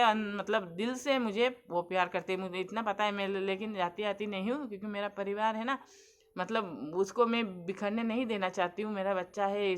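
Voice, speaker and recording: A woman's voice: mid-range voice, fairly bright tone. A young adult woman vlogger giving earnest, preachy advice to her viewers in a casual monologue.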